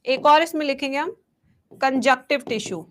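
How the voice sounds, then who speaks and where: Here a young woman dictates biology table entries at a slow pace for exam prep, mixing Hindi with English and pausing for rapid asides to her class. Her voice sits high and a bit bright, with slight background noise in the recording.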